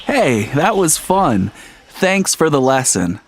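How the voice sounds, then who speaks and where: Ted, a lively easygoing guy. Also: fairly high pitch, slow, a little hiss or hum, full character voice. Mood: friendly. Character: friendly young man new to skating. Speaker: travel agency computer worker. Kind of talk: scripted textbook dialogue.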